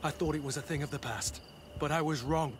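Guy doing a indignant veteran guard captain from a video game, higher male voice, bit of background noise. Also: fairly quick, close to an everyday voice. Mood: indignant, rallying.

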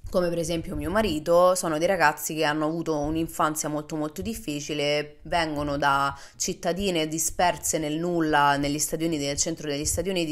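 A young woman from Italy, telling a lively casual story to her viewers and acting out the quotes. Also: sits low. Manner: animated, acts out quotes in English. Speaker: vlogger.

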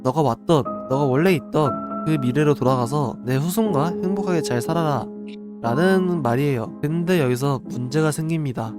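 A man hosting a radio-style show, telling urban legends conversationally and explaining them with questions to his listeners. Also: fairly high pitch. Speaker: radio-style horror story channel host. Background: music behind the voice.

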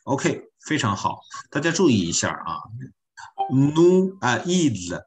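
A man's voice: mid-range voice, sing-song, slow pace, slight background noise. A man teaching an online French class, folksy and joking, repeating his points.

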